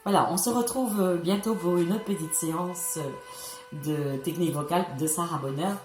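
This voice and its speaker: A woman's voice: lowish voice, moderate pace. A woman vocal coach giving a patient, instructive singing lesson, speaking directly to her viewers. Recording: echoey room with music behind.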